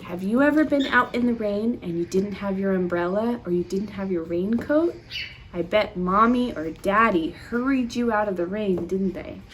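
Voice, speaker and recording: The audio is poor with slight background noise as a woman with a mid-range voice reads a picture book to young children. Animated and theatrical, she uses dramatic gasps and pauses and quizzes the kids along the way.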